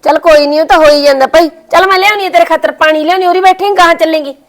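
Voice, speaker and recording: A woman's voice: extremely high pitch, steady tone, racing. A woman playing a fretful aunt in a family drama skit, blaming herself for trouble she caused. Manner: fretful, self-reproaching. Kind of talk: village family drama acting.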